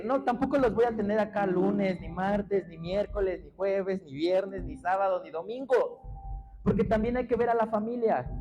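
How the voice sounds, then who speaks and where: High-pitched pastor guy preaching hard in church, shouts a lot, music going behind him. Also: dull audio. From Mexico. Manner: impassioned preaching, often shouting to the congregation. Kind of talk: sermon. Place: church sanctuary.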